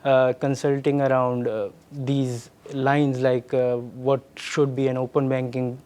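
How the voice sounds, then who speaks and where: A man with a Pakistani accent answering interview questions in a hesitant, halting way. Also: mid-range voice, level tone, a little mellow. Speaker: interview guest, tech executive.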